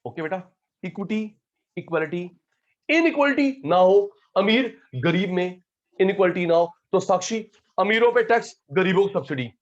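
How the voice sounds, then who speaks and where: An economics teacher with a high, expressive voice lectures in an online class at normal speed, captured in dull lo-fi audio. He jokes around, calls students by name, and drills them on terms.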